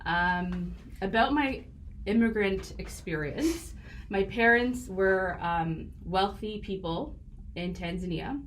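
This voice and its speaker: A woman's voice: medium pitch, slow, slight background noise. A woman, a guest talking earnestly and reflectively in a casual podcast interview. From Canada. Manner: earnest, reflective, with frequent fillers.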